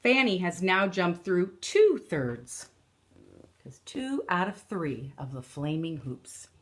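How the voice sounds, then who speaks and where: A woman in her thirties, an elementary teacher, reads a picture book to children in a home room, using a lowish voice with big pitch swings. She takes her time explaining and puts stress on the key words.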